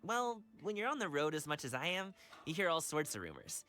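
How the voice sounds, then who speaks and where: A man's voice: fairly high pitch, very animated, a little fast, bright, forceful tone. A man voicing a friendly, carefree young wushu dancer in a video game. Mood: easygoing. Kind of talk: video game character voice acting. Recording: game music behind the voice.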